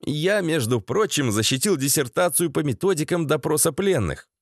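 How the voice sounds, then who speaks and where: Fussy scheming officer played by a man, high-ish voice, formal and wheedling. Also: lively intonation, moderate pace, no echo, studio quality. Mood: prim. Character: prim, scheming male secret-police officer.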